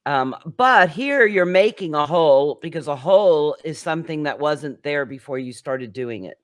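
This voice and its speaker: A woman's voice: low voice, expressive, normal speed. A woman teaching English pronunciation in a class, drawing out each example word as she demonstrates it. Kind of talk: live online class instruction.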